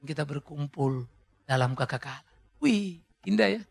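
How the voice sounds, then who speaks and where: Male pastor, high gravelly voice, bright and sharp, lively sermon delivery. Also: normal speed. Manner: lively preaching with jokes and shouted climaxes.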